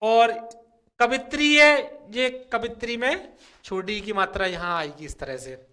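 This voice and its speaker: A young male teacher with a high, bright voice talks at an unhurried pace, working through spelling questions for exam students. He stretches key words out slowly and keeps checking in with a quick "okay" before moving on. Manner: repeats words slowly and drawn out, fills with "theek hai". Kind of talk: explaining spelling questions from a whiteboard.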